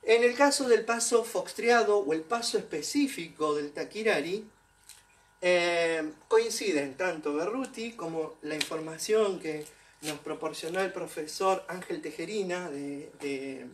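A man's voice: high voice, unhurried. A male folk dance teacher leading an online class. He demonstrates steps while counting beats aloud and vocalizing rhythms. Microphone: camera set back from the dancer. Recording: distant mic with faint background noise.

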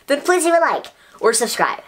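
A woman talking in a high, squeaky chipmunk voice after breathing helium, chatting upbeat to viewers as she explains some science. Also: very animated, moderate pace, fairly bright tone. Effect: high squeaky chipmunk voice from inhaled helium. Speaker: video host.

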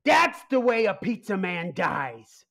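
A man performs in a comedic radio play as a harried, anxious mob boss and father who secretly runs a pizzeria, exasperated and blustering in a dramatic way. His heavily acted voice sits high with big pitch swings, slow, creaky, and fairly bright.

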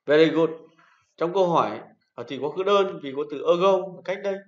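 A man's voice: a little high, brisk. Male teacher, patient, repeats rules; roomy classroom, muffled lo-fi recording. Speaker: English teacher. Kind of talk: classroom lesson. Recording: echoey room, dull lo-fi sound.

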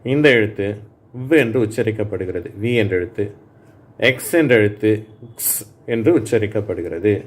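A man with a Tamil accent gives an English phonics lesson to adult learners. He drills each sound slowly and clearly, then pauses so the listener can repeat it. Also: on the low side.

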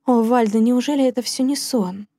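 Woman reading shy young heroine, soft and gentle, dry close sound. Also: a little high, moderate pace, no echo. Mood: tender.

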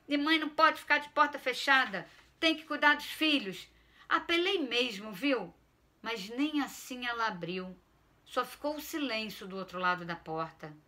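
A woman's voice: a little high, pushed and bright. Woman voicing a pleading teenage boy. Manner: insistent, exasperated, wheedling. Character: pushy, sulky teenage boy pleading with his mother. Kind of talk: storytelling reading.

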